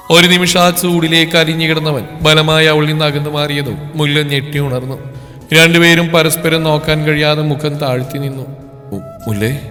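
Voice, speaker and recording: Even-voiced male storyteller. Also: on the high side. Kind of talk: scripted story narration. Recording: long reverb with background music.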